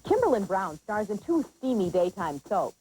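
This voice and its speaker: A woman narrates entertainment news from a script. Her medium-pitched voice moves with lots of variation, in the manner of a television presenter. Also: sing-song, moderate pace, warm tone, faint music behind, poor audio.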